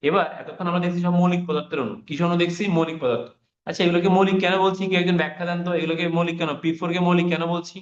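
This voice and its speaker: A man's voice: sits high, fairly even intonation, very fast. A male teacher giving an online class lesson, who repeats key words and quizzes his students as he goes. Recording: roomy, dull online class audio.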